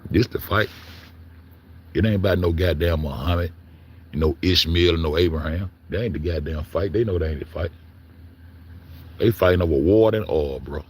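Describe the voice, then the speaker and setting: Low-voiced and darkish in tone, a man rants profanely at a normal speed, pausing often as he stumbles and repeats himself to make his case. He is a commentator, and a faint hiss or hum sits under the recording.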